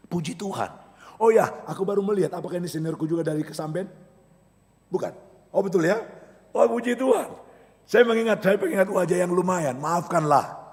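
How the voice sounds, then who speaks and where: A man from Indonesia, a pastor, preaching a church sermon with lively storytelling and sudden loud bursts. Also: on the high side. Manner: animated storytelling with sudden loud outbursts and laughter. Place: church hall. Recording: long hall reverb.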